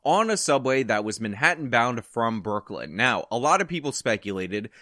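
Male commentary host, opinionated and chatty, mid-pitched, dry close-miked sound. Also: sing-song, normal speed, pushed and bright, no echo. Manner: conversational, opinionated asides. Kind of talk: casual news commentary to camera.

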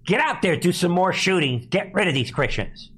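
This man hosting live political commentary has a high, fairly bright, slightly rough voice and talks at normal speed in an animated way. He drives points home by repeating phrases, sounding emphatic, scornful, and mocking.

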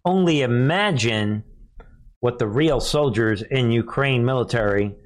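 An American man hosts live political commentary, speaking emphatically and derisively and repeating phrases for effect. His voice is medium-pitched and his pace measured.

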